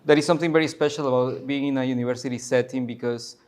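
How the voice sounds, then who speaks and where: A man's voice: medium pitch, steady tone, very fast, darkish tone. A man in his forties from Guatemala, a curator giving a loose, chatty talk full of fillers and restarts at a university. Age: 40s. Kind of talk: casual public talk. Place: university lecture room.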